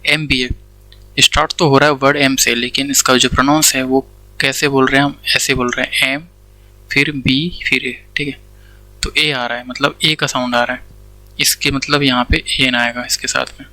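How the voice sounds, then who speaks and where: A man's voice: mid-range voice, level tone, fairly quick, bright, forceful tone, no echo, poor audio. A man with an Indian accent teaching English grammar in a Hindi-English mix, asking questions and answering them himself step by step. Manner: explains step by step, asks questions and answers them himself, says "theek hai" often. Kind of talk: Hindi-English classroom lecture.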